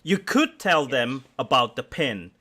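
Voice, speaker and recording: A man's voice: medium pitch, big pitch swings, measured pace, bright, forceful tone. A man acting as game master, narrating a tabletop role-playing game in a rambling way with many restarts. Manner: rambling, with frequent restarts and fillers.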